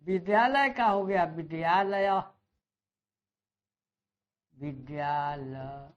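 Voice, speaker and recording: A man teaching a grammar lesson, slowly repeating and drawing out words. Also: sits high. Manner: slow, repeats words and stretches them out. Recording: dull lo-fi sound.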